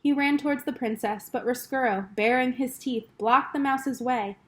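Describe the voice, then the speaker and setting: A woman teacher reading a children's novel aloud, expressive and speaking directly to the listener. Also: high voice, normal speed. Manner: expressive storytelling, addresses the reader directly.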